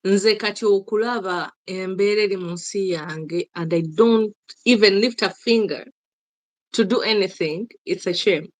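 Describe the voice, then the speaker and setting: A woman's voice: medium pitch, moderate pace, no echo. A Ugandan woman speaking as an interview guest, emphatic and insistent, repeating her points. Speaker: guest, activist. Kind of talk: interview, mixing English and Luganda.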